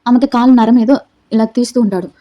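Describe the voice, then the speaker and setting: A woman's voice: fairly high pitch, fairly even intonation, fairly quick, muffled recording. A woman hosting her own channel, chatting casually through a recap of a reality show and acting out what the contestants said. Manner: chatty retelling that acts out the quoted dialogue. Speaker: YouTube channel host.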